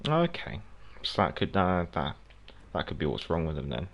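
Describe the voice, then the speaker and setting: Speaking at a normal pace in a bass voice with wildly swooping pitch, this gaming stream host is a South African man whose first language is Afrikaans. He plays while chatting casually, reading viewers' messages aloud and replying to each by name.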